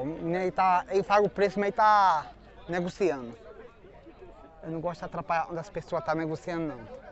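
His voice leans high as this Northeastern Brazilian man hosts a casual outdoor vlog, touring cattle market pens and asking prices. Folksy in manner, he echoes each price back and often ends phrases with tag questions. He shoots on a handheld phone from behind the camera, and the outdoor audio is dull.

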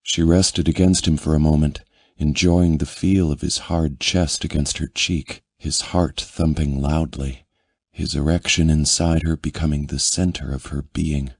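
Male audiobook narrator, extremely deep, husky voice, slow intimate reading, dry close mic. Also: fairly even intonation, dry recording. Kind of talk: scripted narration.

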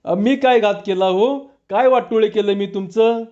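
A man putting on a shrill wailing village wife. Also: measured pace, mellow, lo-fi sound. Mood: indignant. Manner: shrill wailing, theatrical lament.

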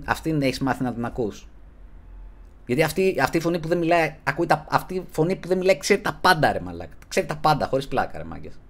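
A man hosting a casual podcast, giving earnest advice in slangy talk and closing his sentences with a low, mumbled "bro". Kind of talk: casual streamed podcast chat.

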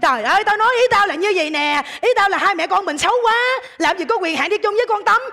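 An actress playing a loud, scheming and bumbling stepmother in a stage comedy sketch, bickering. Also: very high voice, expressive, creaky, full character voice. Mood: scolding. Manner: brash, bickering, quick to scold. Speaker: comic actor.

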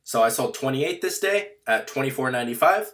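Young male tutor, a bit hoarse, plain casual walkthrough, mid-pitched voice. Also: lively intonation, a little fast, a bit bright, soft background music. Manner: plain, matter-of-fact walkthrough with fillers. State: slightly hoarse. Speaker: online seller teaching a spreadsheet. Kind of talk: casual screen-share tutorial.

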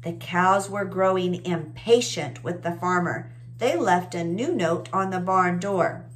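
A woman in her forties hosts children's story time in a small indoor room lined with bookshelves. Her voice is fairly low and measured as she reads aloud expressively and offers simple explanations in an encouraging, teacherly way.

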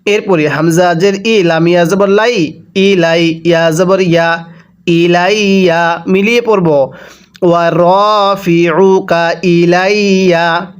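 Bangladeshi Bengali man teaching Quran reading, spells syllables, high smooth voice. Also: fairly even intonation, muffled recording. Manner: spells syllables one by one, then chants the joined words slowly. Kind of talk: slow spelled-out recitation lesson.

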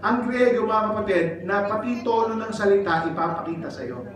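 A man from the Philippines preaching a sermon in a high voice, mixing Tagalog and English. He checks in with his listeners constantly and tells animated stories. His voice rings through a very echoey church hall, heard from a distance with steady noise around it. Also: fairly quick. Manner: mixes Tagalog and English, keeps checking with "right?" and "amen?"; animated storytelling. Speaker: pastor.

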